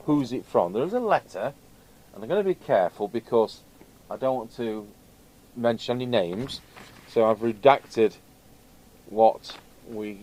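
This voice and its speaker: Captured in a low-quality recording with clear background noise, a man with a medium-pitched, slightly mellow voice chats about radio equipment. He's a radio technician and video host, speaking casually and ramblingly without a script.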